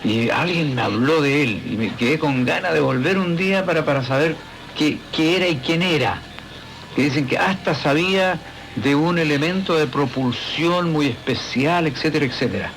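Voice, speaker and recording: A man's voice: on the high side, moderate pace, fairly bright tone, slight background noise, rough recording. A man hosting a radio talk show, interviewing a guest in a rambling, conversational way with many asides. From Chile.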